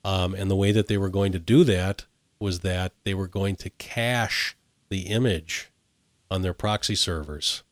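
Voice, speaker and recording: A man's voice: low voice, fairly even intonation, measured pace, no room sound. A man hosting a casual tech podcast, talking in a chatty way with frequent fillers and restarts. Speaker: podcast host.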